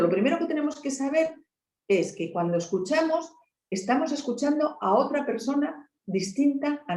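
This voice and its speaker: A woman's voice: on the high side, darkish tone. Woman explaining with many tag questions, echoey. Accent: Spanish from Asturias. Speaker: helpline volunteer speaker. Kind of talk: conversational talk.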